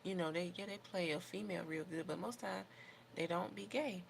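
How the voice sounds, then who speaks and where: A woman's voice: lowish voice, a little fast, creaky. An American woman chatting casually on a livestream as host, rambling and opinionated in an informal way, with noticeable background noise. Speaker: livestream host doing her makeup.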